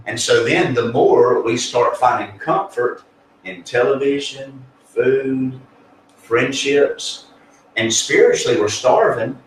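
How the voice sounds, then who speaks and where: Earnest pastor, distant in echoey room. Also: male voice, mid-range voice, takes it slowly, a little hiss or hum. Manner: earnest, folksy, with many fillers and restarts. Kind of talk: conversational spiritual teaching. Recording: echoey room, distant mic, faint ambience.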